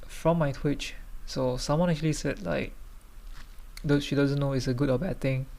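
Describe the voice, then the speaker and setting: A man's voice: mid-range voice, fairly even intonation, normal speed, creaky, darkish tone. A man podcasting solo in a tipsy, loose, rambling casual chat, hesitating, trailing off and circling back. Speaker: podcast host.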